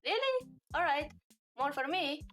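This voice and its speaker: A woman's voice: very animated, a little slow, fairly bright tone, faint music behind, full character voice. Woman putting on a peppy schoolgirl voice. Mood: cheerful. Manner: perky, high, bouncy delivery. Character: bubbly energetic teenage schoolgirl. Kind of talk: visual novel voice reading.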